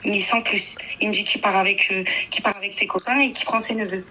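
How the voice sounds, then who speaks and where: A woman's voice: medium pitch, steady tone, brisk, bright, forceful tone, a little hiss or hum, rough recording. Shaken young woman calling in. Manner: shaken, hesitant, many fillers. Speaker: caller. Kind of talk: phone-in confession. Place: radio call-in show.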